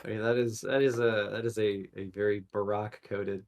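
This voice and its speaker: A man's voice: lowish voice, level tone, moderate pace, darkish tone, slight background noise. Rambling man chatting on a podcast. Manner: rambling, frequent fillers and restarts. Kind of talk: casual podcast chat.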